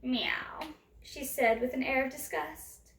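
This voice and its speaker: A woman reads a children's fairytale aloud with a high, lively sing-song lilt and a slightly gravelly texture. She talks to young listeners directly between pages. The sound is roomy and caught from some way off the mic. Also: unhurried, a little hiss or hum. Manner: animated, sing-song storybook delivery; chatty, addresses children directly. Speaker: storyteller. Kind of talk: reading a picture book aloud. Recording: roomy echo, a distance from the mic.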